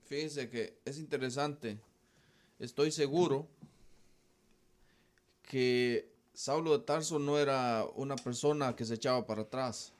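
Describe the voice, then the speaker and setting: A man's voice: medium pitch, a little slow, pauses often. Radio Bible host, male, emphatic preaching delivery, repeats key phrases.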